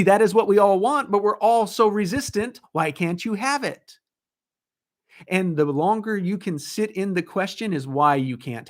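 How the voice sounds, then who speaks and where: A man with a notably high voice delivers a motivational talk. He is emphatic and punchy, firing off rhetorical questions and short commands. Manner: emphatic, asks rhetorical questions, acts out inner thoughts. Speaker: motivational coach.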